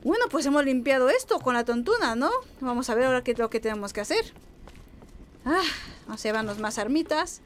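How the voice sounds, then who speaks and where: Young woman gamer, high and excitable, chatting to viewers and enemies. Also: a little fast, a little hiss or hum. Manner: chatty, excitable, talks back to game characters. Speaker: gaming YouTuber. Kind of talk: let's-play commentary. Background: game music.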